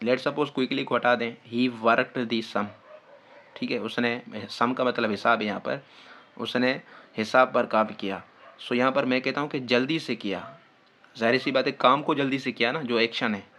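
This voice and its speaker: A man giving an exam-prep grammar lecture. He asks his own questions, answers them, and dictates English examples very slowly. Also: medium pitch, fairly bright tone, slight background noise. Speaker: grammar teacher.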